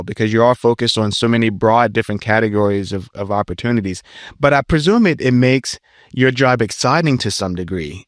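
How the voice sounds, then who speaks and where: A man from southern Virginia hosting a podcast interview, asking long, winding questions at a measured pace. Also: mid-range voice, dry recording, studio quality. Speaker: podcast host. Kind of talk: conversational interview. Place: studio in Washington, DC.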